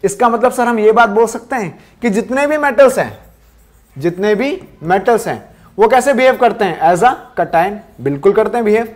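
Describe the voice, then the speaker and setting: An expressive male science teacher keeps a normal speed as he poses quiz questions to the class and then answers them himself. He lowers his voice for the answers and hammers key terms through repetition.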